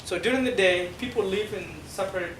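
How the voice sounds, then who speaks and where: A middle-aged South Sudanese man, a Dinka speaker, explains things to a class in a halting way, often pausing with fillers. His voice sits a little high for a man. The recording comes from a distance in an echoey room with a noisy background. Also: fairly bright tone. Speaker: guest speaker. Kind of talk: classroom presentation.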